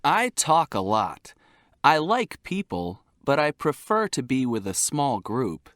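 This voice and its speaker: A man voicing a sociable but serious young student in a scripted textbook dialogue, speaking slowly and carefully. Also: medium pitch, no room sound, studio quality, exaggerated voice. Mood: calm. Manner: slow, careful, lively intonation.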